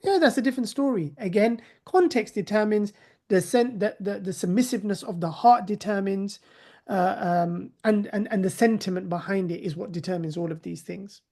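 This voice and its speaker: A man's voice: high voice, normal speed, darkish tone. A man teaching a live class in a conversational way, with sarcastic rhetorical asides. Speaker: teacher of hadith.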